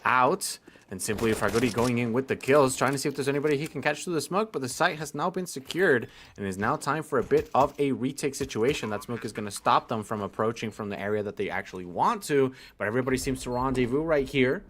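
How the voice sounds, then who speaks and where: A man's voice: mid-range voice, animated, quick pace, fairly bright tone, slight background noise. A man giving live play-by-play commentary as an esports caster.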